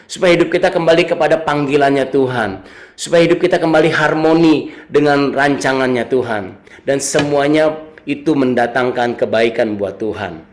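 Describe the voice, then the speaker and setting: A man in his thirties giving a casual sermon with a personal story, chatty, repeating his phrases and teasing his young listeners. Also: on the high side. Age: 30s. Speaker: youth service speaker.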